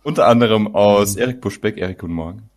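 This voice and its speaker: A man's voice: lowish voice, fast talker. A man hosting a casual podcast, leading the conversation in a jovial, lightly joking way. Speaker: podcast host.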